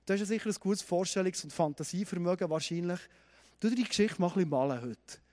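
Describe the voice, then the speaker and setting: A man's voice: sits high, fast, a little mellow. A man preaching a sermon, retelling a story and asking the congregation direct questions. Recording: long hall reverb.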